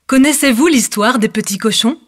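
A woman narrating a children's story clearly, sometimes addressing the listener directly. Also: a little high, moderate pace, a little hiss or hum.

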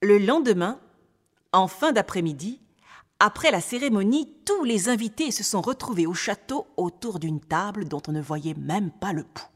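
A woman reading a fairy tale aloud in a measured, expressive way. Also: medium pitch. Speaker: storyteller. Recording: long hall reverb.

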